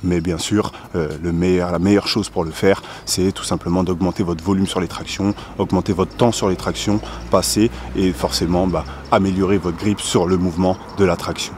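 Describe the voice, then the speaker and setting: A man's voice: low-pitched, steady tone, normal speed, few pauses, a little mellow, slight background noise. A man explaining pull-up technique as a fitness coach, often checking in with the viewer and straining as he demonstrates. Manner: explanatory, repeats "d'accord", strains while demonstrating. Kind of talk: instructional fitness video.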